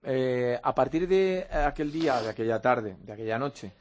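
Male radio host, mid pitch, measured and hesitant delivery, dry studio. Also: expressive, darkish tone, no echo. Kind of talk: casual radio chat.

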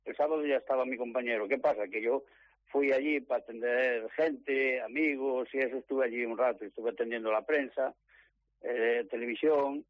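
A man tells his story over the phone, eagerly acting out each exchange. His voice sits at a middle pitch. The tinny, narrow phone line sounds close and dry. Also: normal speed, no room sound. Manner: animated storytelling, acts out quoted dialogue. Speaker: lottery ticket seller. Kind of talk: interview on the phone.

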